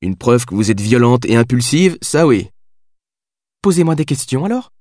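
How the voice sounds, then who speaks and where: A man reading the part of a spirited, impulsive young woman who answers in quick, teasing retorts. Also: medium pitch, big pitch swings, darkish tone, no echo, clean studio sound, voice pushed up. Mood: cheeky. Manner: quick, teasing, triumphant replies.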